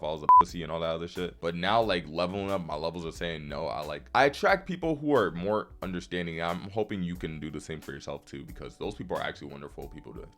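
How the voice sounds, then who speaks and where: A young man giving blunt self-improvement advice in a casual, slangy monologue, swearing freely and swinging between loud emphatic bursts and low asides.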